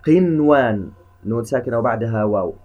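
A man teaching Quran recitation rules step by step, explaining each rule methodically before drawing out the examples slowly. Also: medium pitch. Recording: dull lo-fi recording.

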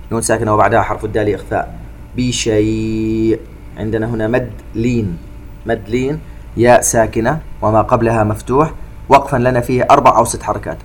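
A man teaching the rules of Quran recitation in a calm, methodical, step-by-step way. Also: on the low side, a little hiss or hum. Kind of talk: tajweed lesson, explaining rules between recited verses.

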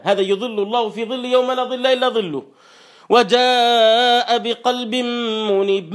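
A man preaching a sermon, explaining scripture, with slow drawn-out chanted recitation of verses between quicker explanation. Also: sits high. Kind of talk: Quranic exegesis sermon.

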